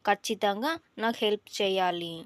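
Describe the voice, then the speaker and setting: A woman's voice: mid-range voice, steady tone, normal speed, dry recording, lightly acted. Woman doing storybook student girl, melodramatic, whiny, tearful pleading, dry close sound. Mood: melodramatic whining. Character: dramatic young female student, sulky and tearful.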